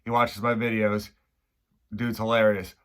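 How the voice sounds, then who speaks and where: A man from Maine with a Maine accent, casually explaining local slang in a halting, rambling way, repeating and restarting phrases. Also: on the low side, little pitch movement, fairly bright tone. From Maine, United States. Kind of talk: casual unscripted explainer chat.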